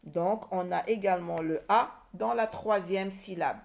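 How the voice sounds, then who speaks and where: A woman's voice: medium pitch, measured pace, gravelly, a little mellow. A woman teaching young children to read, sounding out words syllable by syllable and repeating them. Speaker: primary school teacher. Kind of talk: reading lesson for young children.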